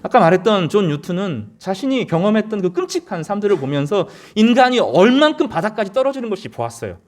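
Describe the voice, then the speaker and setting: A man's voice: sits high, very animated, quick pace. A man preaching a sermon as pastor, earnest, with rising emphasis and frequent hesitation fillers.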